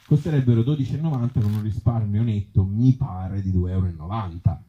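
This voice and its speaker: The live recording is muffled and dull: a man with a Tuscan accent and a fairly low voice, speaking fairly quickly, performs absurd comic pieces and talks casually with the crowd at an outdoor festival. This author and actor comes across wry and self-mocking, with hesitant asides.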